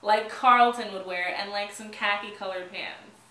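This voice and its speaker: A woman in her mid twenties chats casually on a vlog with a bright, sharp voice, teasing her partner and laughing at his jokes. She was recorded from a distance in an echoey room with a faint hiss behind her. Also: medium pitch, fairly even intonation, normal speed. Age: 20s. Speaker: vlog co-host. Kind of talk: casual chat.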